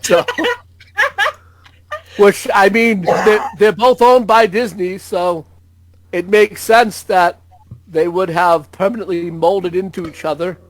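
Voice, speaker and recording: A man's voice: sits high, takes it slowly, long pauses. A man co-hosting a casual gaming podcast, joking about doom in an overly dramatic way. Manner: dramatic mock-doom humor. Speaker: podcast co-host.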